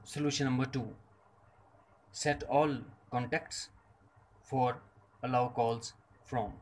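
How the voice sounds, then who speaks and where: Here the same kind of tutorial presenter, a man with a mid-range voice, reads a scripted tech guide slowly and breaks each step into a separate short phrase. The tone is steady and a little mellow, and there's slight background noise.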